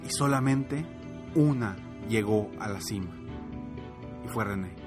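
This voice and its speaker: A man, a motivational coach and podcast host, telling a fable in an animated, repetitive way. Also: lowish voice, measured pace, over music. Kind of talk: motivational storytelling.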